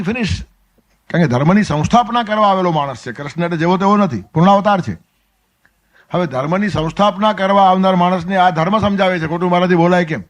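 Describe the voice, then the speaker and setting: Gujarati man giving a spiritual discourse. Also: on the high side. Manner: storytelling, acts out dialogue with sudden drops to soft asides. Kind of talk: Gita discourse, sermon.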